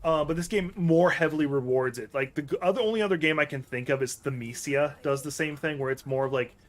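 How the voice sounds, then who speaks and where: Fast and a little high, this man's voice carries loose, rambling commentary as he streams an action game. A native English speaker, he frequently corrects himself mid-sentence and chats with viewers while playing.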